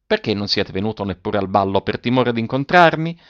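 A man's voice: lowish voice, animated, brisk, no echo, close to an everyday voice. A man voicing a proud, ironic princess who speaks sardonically and imperiously in a storybook reading. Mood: sardonic. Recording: dull lo-fi audiobook recording.

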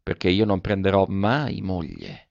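A man's voice: sits low, big pitch swings, a little slow, creaky, a little mellow, no echo, dull audio, heavily acted. A man voicing an anxious young lover in a read-aloud novel, pleading urgently with a trembling voice.

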